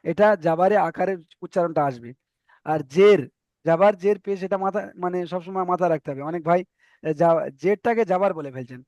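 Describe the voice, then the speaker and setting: A man's voice: high voice, moderate pace, a little mellow, no echo, lo-fi sound. A man teaching Arabic letter reading in an online class, patiently repeating each point and checking that students follow.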